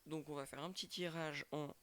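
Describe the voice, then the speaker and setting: A man's voice: on the high side, steady tone, brisk, fairly bright tone. A man doing a casual tarot reading to a webcam with a microphone, stumbling and repeating words often. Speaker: tarot reader and channel host.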